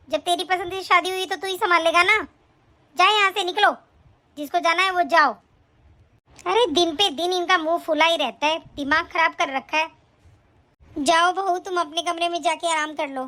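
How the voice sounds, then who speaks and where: A woman voicing a sharp-tongued older mother-in-law in an animated family story. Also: extremely high pitch, normal speed. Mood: scolding. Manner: sharp scolding, shouting orders. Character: scolding, greedy-then-betrayed older mother-in-law.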